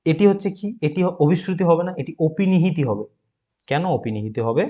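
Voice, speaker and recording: Bengali teacher quizzing on grammar. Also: male voice, fairly high pitch, animated, mellow. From West Bengal. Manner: asks questions and answers them himself; repeats key words and drags them out slowly. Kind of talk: exam-prep grammar lesson.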